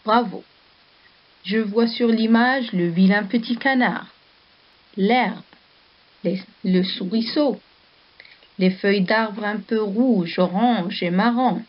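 Slow, patient woman teacher, lo-fi sound. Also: mid-range voice. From Morocco. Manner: slow, patient, asks questions and praises answers. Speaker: primary school teacher. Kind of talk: slow classroom lesson and storybook reading. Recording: dull lo-fi recording.

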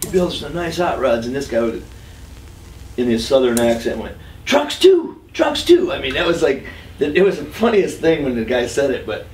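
A man's voice: medium pitch, animated, moderate pace, darkish tone. A man being interviewed, telling loose, casual stories about truck builders, now and then with a curse. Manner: loose, profane storytelling. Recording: distant mic, roomy echo.

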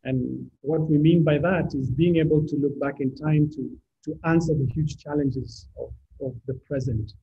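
A male architect from Kenya presenting a design talk over slides, measured, often restarting his phrases. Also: a little high, fairly even intonation, vocal fry, breathy edge. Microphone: video call. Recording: dull lo-fi video call audio with faint noise.

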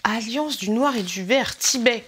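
A woman's voice: fairly high pitch, unhurried, background noise. A woman vlogger chatting casually and giggling as she opens a swap package, exclaiming often. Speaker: YouTuber opening a swap package. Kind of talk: casual unboxing chat.

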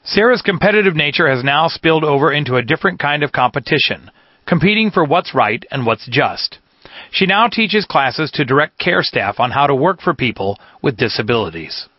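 A man's voice: a little high, animated, normal speed, no echo, muffled recording. A man reading a scripted narration in an announcing manner.

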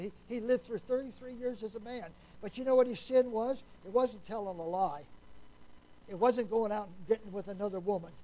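A man with a notably high voice preaching a Sunday sermon in a plain, folksy manner. He keeps putting questions to the congregation and sinks to a hushed voice when he reaches solemn points. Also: low-quality recording.

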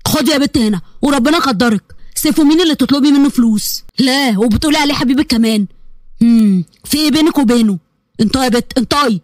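A woman's voice: high voice, fast, no room sound, clean studio sound, lightly acted. A woman voicing a stern young man with an Egyptian accent, exasperated and scolding his sister. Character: young adult man, stern older brother.

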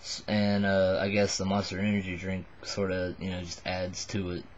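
A man in his twenties, a little drunk, giving a halting, rambling, casual confessional to the camera. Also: sits low, monotone, slight background noise. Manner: tipsy, buzzed, halting and rambling. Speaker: vlogger addressing subscribers. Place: small wood-panelled bedroom indoors. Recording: dull lo-fi webcam audio.

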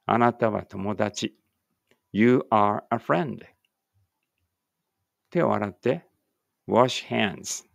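A man teaching English, slowly reading short Japanese phrases and then their English translations aloud as a drill, sometimes muttering quietly to himself. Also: on the low side, gravelly, dry recording. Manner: reads each Japanese phrase, then its English, with slow deliberate pauses.

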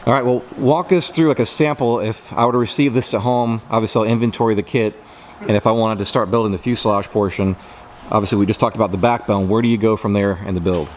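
A man's voice: lowish voice, fairly even intonation, fast talker, slight background noise. A man hosting an aviation channel, asking a manufacturer questions on a factory tour. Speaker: host interviewer. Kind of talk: interview questions and promo narration.

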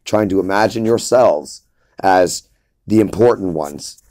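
A man preaches in a casual, emphatic, lecturing manner, hammering home his points through repetition. His voice sits low. The recording is dry and close, with no room sound. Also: a little slow, a little mellow, no echo. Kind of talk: informal preaching monologue.

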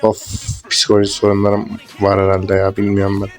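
A man's voice: on the low side, completely flat delivery, fairly quick, soft background music. A young man giving casual, crude, joking commentary over a game, rambling and swearing as he plays. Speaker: gaming YouTuber.

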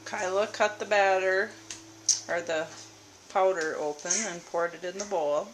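A woman's voice: lowish voice, steady tone, measured pace. A young woman chatting casually as a mother filming a family vlog, with a playful, teasing manner. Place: kitchen at home, then moving car. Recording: noisy handheld camera audio.

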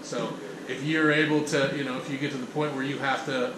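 Male instructor, casual demonstration, mid-pitched, recorded in a roomy noisy space. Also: flat delivery, brisk. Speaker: instructor in a firefighter class. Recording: noisy echoey indoor space, distant.

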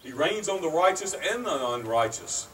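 A middle-aged man preaching a sermon at an outdoor pulpit beside a brick church, speaking slowly and earnestly with pauses, picked up by a distant camera microphone. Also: fairly high pitch, very animated, fairly bright tone. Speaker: pastor. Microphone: far camera, at a wooden pulpit. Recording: distant outdoor mic, faint noise.

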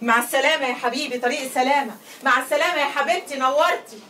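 A woman's voice: high-pitched, racing, bright, forceful tone, slight background noise. An actress playing a coaxing middle-aged mother in a poor neighborhood, speaking with an Egyptian accent. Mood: fussing. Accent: Egyptian Arabic. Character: caring Egyptian working-class mother, coaxing and fussing. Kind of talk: TV drama acting. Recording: TV soundtrack with music underneath.

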